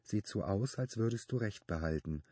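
A man voicing an adult woman who speaks quietly and earnestly. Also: lowish voice, animated, moderate pace, breathy edge, no echo. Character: calm, worried adult woman.

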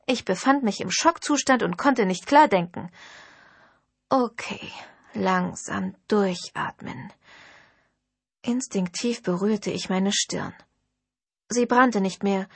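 A woman's voice: medium pitch, measured pace, slightly rough, no room sound. A woman narrating a first-person novel in an intimate storytelling manner. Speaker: audiobook narrator.

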